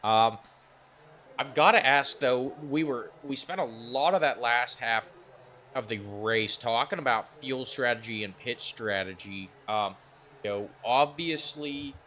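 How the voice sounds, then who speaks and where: Bright-voiced male race broadcaster. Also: mid-range voice, a little hiss or hum. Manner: upbeat, hurried questions with many fillers. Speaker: esports racing broadcaster interviewing drivers. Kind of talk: post-race interview.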